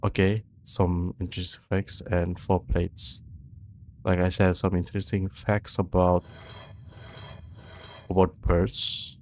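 A man's voice: low voice, level tone, takes it slowly, pauses often, darkish tone, a little hiss or hum. A young man giving casual, nervous, jumpy commentary as he plays a horror game, muttering to himself into a close microphone. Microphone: close microphone on boom arm, headset worn.

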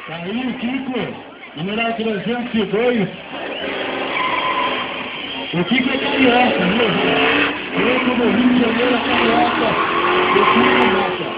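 A man's voice: very high-pitched, a little slow, long pauses. A Brazilian man doing live motorsport commentary as an event announcer, mixed with informal, chatty banter for the crowd. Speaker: event announcer at a drift show. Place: outdoor race track, heard from the spectator stands. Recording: muffled, echoey, distant PA amid loud engine noise. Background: loud car and vehicle noise.

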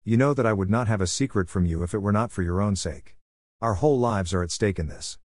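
Scared young wife begging desperately, a guy reads her, lowish dry voice. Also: quick pace, no room sound, close to an everyday voice. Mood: pleading. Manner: pleading, desperate entreaty. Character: frightened young wife hiding a secret. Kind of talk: audiobook character reading.

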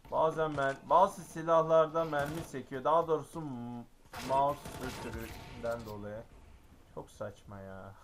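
A man commentating his own gameplay, excitable and frequently exclaiming and grumbling at the game. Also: medium pitch, background noise. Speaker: gaming YouTuber.

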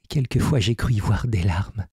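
Male reader as an earnest, grieving man in a storybook, dark and husky, dry close sound. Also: on the low side, normal speed, no room sound. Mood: sorrowful. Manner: earnest, sorrowful confiding. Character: grown man pleading with a fairy, sorrowful. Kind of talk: audiobook character reading.

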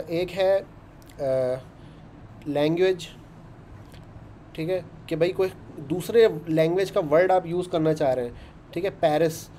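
This man's voice sits on the high side with a dark tone, and there's slight background noise. He's a programming instructor giving a casual coding lesson, chatting through each step and explaining things one at a time with frequent "ṭhīk hai".

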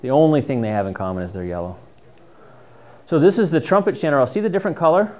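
Quick-paced and lively in intonation, a middle-aged mushroom foraging instructor with a New England accent chats enthusiastically through a casual slide class. His voice is fairly high and a little mellow, recorded by a distant camera in a dim classroom with a projector screen.

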